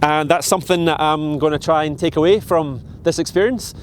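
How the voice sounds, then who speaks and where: A Scottish man in his forties speaks to the camera out on a mountain, pausing and restarting as he thinks aloud. His voice sits a touch high and a little shaky from the cold. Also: a little hiss or hum. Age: 40s. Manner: halting, reflective, many restarts and fillers. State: shivering in the cold. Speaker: vlogger. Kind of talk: casual talk to camera. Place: outdoors on a mountain.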